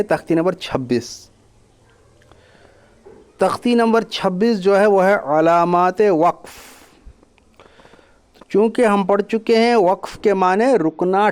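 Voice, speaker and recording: A man teaching Quran reading in an online lesson, explaining patiently and drawing out letter names slowly. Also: high-pitched, a little mellow, clear, resonant tone. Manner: mixes English words into his explanations.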